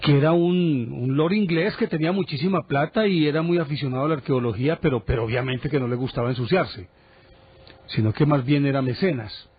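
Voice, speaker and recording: A man presenting a TV program, telling a history story casually with lively asides. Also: mid-range voice, brisk, slightly rough. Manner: animated storyteller, chatty asides. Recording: dull broadcast audio.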